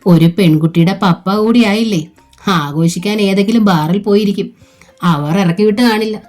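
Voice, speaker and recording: A woman's voice: mid-range voice, normal speed, darkish tone, soft background music, lightly acted. A woman reading a novel aloud, voicing a blunt, indignant young sister-in-law who asks pointed questions.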